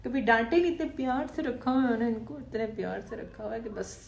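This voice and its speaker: A woman from Lahore hosting a casual live stream as a business team manager, expressive and playfully scolding, slipping into English. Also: fairly high pitch, a little fast, vocal fry, reverberant, slight background noise. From Pakistan, Lahore. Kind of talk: casual live-stream talk, reading comments.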